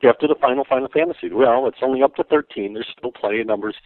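A man co-hosting a podcast over the phone, talking in a halting, thoughtful way with many fillers. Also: medium pitch, no echo. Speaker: podcast co-host. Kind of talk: casual chat. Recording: tinny phone line.

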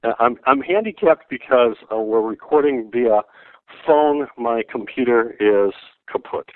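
A man co-hosting a podcast over the phone, talking in a halting, thoughtful way with many fillers. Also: mid-range voice, animated, no room sound. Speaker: podcast co-host. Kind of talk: casual chat. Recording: tinny phone line.

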